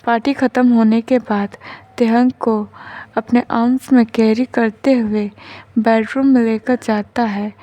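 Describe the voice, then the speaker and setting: A woman's voice: fairly high pitch, mellow. A woman retelling a romance fan story in a casual storybook narration, mixing in English words.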